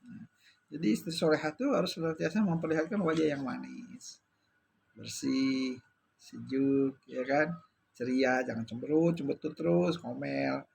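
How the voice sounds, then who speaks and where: Gravelly-voiced preacher giving a sermon. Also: male voice, medium pitch, normal speed, a little hiss or hum. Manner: sprinkles short "ya" tags between phrases; lively storyteller, acting out the characters he tells about.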